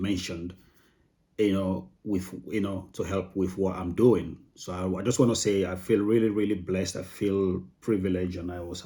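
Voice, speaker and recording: Deep-voiced Sierra Leonean man chatting. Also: warm tone. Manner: informal and rambling, with repeated phrases. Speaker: YouTube host of a property channel. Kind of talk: casual chat to camera.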